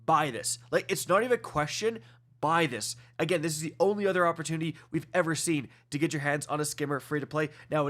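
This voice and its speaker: Fairly bright in tone and on the high side, this congested-sounding man's voice drives an enthusiastic, casual review of video game items. He's a gaming video host who talks fast, keeps calling out to viewers as "guys," and leans on fillers like "uh."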